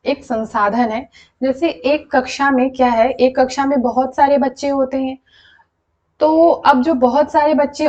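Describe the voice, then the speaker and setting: Young woman teacher, kinda high voice, walks through it slow and checks in a lot, muffled lo-fi audio. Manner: explanatory, repeats "thik hai" to check in. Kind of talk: exam-prep lesson.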